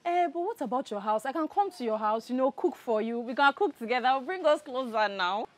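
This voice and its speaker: A woman's voice: high-pitched, lively intonation, a little fast. An actress with a Nigerian accent playing a sweet, eager girlfriend coaxing her partner, in a drama series.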